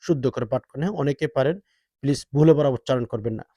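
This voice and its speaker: Male preacher, urgent rapid sermon, slow chanted prayers, warm low-lit voice, dry close sound. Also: no room sound. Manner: fast urgent Bengali talk, slow drawn-out recitation. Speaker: Islamic preacher.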